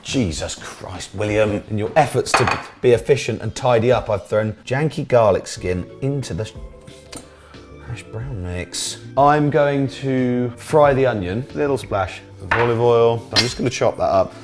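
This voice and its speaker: A man's voice: medium pitch, unhurried, music in the background. A British man hosting a casual cooking vlog, chatting and swearing jokily as he talks through what he is making. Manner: chatty, sweary, jokey self-commentary. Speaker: cooking show host.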